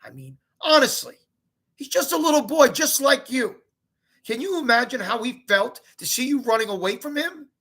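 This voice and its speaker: A man's voice: extremely high pitch, sing-song, moderate pace, pushed and bright, breathy edge, voice pushed up, exaggerated voice. A man voicing a firm, disappointed mother who scolds her sons with a raised voice. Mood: scolding.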